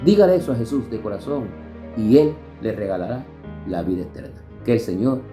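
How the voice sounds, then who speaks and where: A man's voice: mid-range voice, very animated, a little fast, warm tone, faint music behind. A man preaching as a pastor in a devotional sermon, reading scripture and urging listeners with emphatic, rising stresses. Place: church devotional service.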